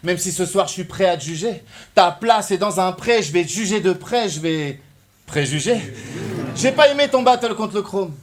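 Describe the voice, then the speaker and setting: Very high-voiced mocking battle rapper. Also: male voice, animated, normal speed, a little hiss or hum. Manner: mocking, loud taunting delivery. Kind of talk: a cappella rap battle verses.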